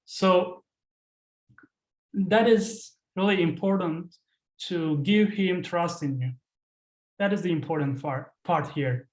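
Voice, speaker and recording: In a very echoey recording, a man with a slightly high voice leads an informal lesson. He speaks English as a second language, haltingly, repeating phrases as he puts questions to the group. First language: not English. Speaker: host leading a career session.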